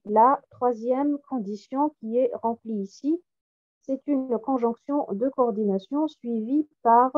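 A woman trainer explaining recitation pronunciation, repeating each example word slowly and carefully for contrast. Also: on the high side. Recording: tinny phone-like audio.

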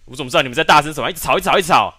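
A man's voice: fairly high pitch, racing, sharp tone, slight background noise. A man with a Taiwanese Mandarin accent, a game streamer ranting and cursing nonstop while he plays. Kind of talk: raging live-stream rant.

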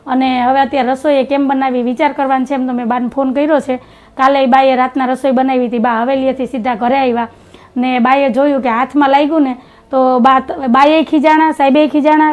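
A middle-aged woman talks casually for her home vlog. Her voice sits high, and she teases and hands out homespun advice. She rattles on in an easy, chatty way. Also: level tone, fast talker, darkish tone, lo-fi sound. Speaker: family vlogger.

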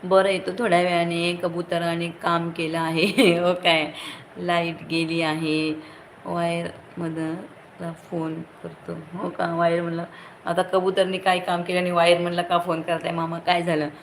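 A woman's voice: lowish voice, little pitch movement, normal speed, low-quality recording. A woman hosting a casual live stream, greeting viewers by name and asking everyone to like the stream. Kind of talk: casual live-stream chat reading comments. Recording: faint background noise.

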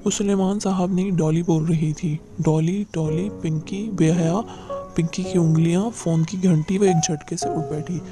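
Male audiobook narrator, dramatic novel reading, measured pace, slightly high, flat delivery, loud music bed.

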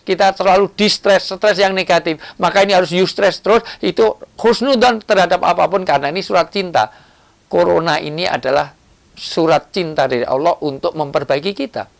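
Male preacher, gravelly voice, animated and joking, rises to near-shouts. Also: a little high. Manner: lively, joking, animated delivery with sudden loud rises. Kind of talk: sermon.

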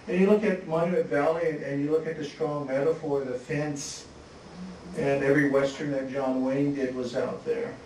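A man presenting his photographs at a symposium, talking in a relaxed, halting way with many restarts and chuckles. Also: fairly high pitch. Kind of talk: slide talk at a symposium. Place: museum lecture hall. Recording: echoey hall, distant mic, faint hiss.

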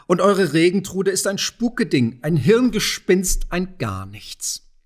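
A man's voice: fairly high pitch, animated, measured pace. A man voicing a fat, proud, wealthy old farmer who talks in a blustering, mocking way.

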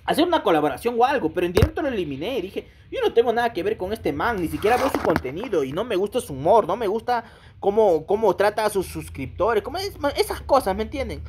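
A woman, hosting a gaming channel and telling a casual, ranting story straight to her viewers, full of fillers and quick checks that they follow. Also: medium pitch, breathy edge. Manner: animated, addresses viewers directly with frequent fillers and rhetorical checks.

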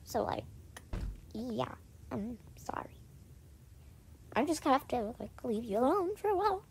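A woman's voice: sits high, big pitch swings, unhurried, vocal fry, a little mellow, a little hiss or hum. A young woman casually telling a dramatic story, acting out the people in it. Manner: chatty and dramatic, acting out quoted friends.

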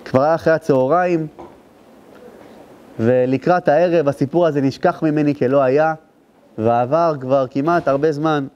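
A rabbi giving an emotional storytelling sermon to a live audience, speaking to the listeners directly and rising into intense high cries at the story's climaxes. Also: male voice, fairly even intonation, pauses often, a little mellow, lo-fi sound. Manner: addresses the audience directly, urging them to listen. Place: live lecture before an audience.

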